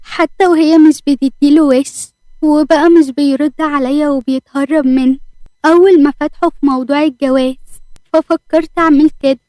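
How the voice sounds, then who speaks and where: A woman's voice: sits high, fairly even intonation, brisk, mellow, no echo, close to an everyday voice. A woman voicing a frightened, guilty young female shop worker who cries and pleads, with an Egyptian accent. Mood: tearful. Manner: pleading, apologetic. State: crying.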